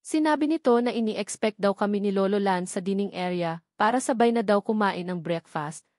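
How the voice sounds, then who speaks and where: A woman with a Filipino accent works as an audiobook narrator, giving a scripted reading of a first-person romance novel. Her voice is medium-pitched with a darkish tone, recorded cleanly in a studio with no room sound.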